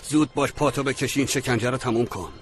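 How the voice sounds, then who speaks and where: A man's voice: mid-range voice, music in the background, close to an everyday voice. A man dubbing a cold, mocking male villain in a TV drama. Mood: taunting. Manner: mocking, contemptuous. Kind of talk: Persian dub of a TV drama.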